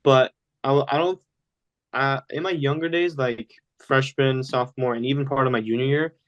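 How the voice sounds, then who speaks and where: A young adult man from a Polish-speaking home talks loosely as a podcast guest in a casual interview, rambling with plenty of fillers. His voice is medium-pitched, steady and at normal speed, with the highs cut off in the recording.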